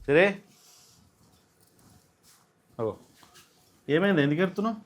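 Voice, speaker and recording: A man's voice: fairly high pitch, big pitch swings, quick pace. An actor with a Telangana Telugu accent playing a young husband who coaxes his crying wife in an urgent way. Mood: concerned. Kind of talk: village short film acting.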